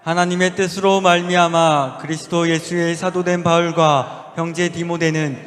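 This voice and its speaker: A man with a slightly high voice reads scripture aloud together with a congregation. His voice carries long reverb and sounds distant, as in a large church hall. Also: flat delivery, normal speed, a bit bright.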